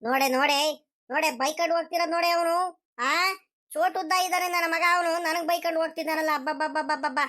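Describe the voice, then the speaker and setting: A woman voicing a scolding village grandfather in a cartoon comedy, ranting in rapid bursts with repeated exclamations. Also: high voice, fairly even intonation, fairly bright tone. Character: scolding village grandfather, quick-tempered but soft-hearted.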